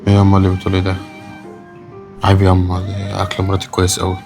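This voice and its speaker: An actor plays an Egyptian son who pleads with his mother and defends his wife, his voice low-pitched and his words rushed. Faint music runs underneath. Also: completely flat delivery, a little mellow. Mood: pleading. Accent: Egyptian Arabic. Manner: pleading, defensive, rising to anger. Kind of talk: short web drama acting.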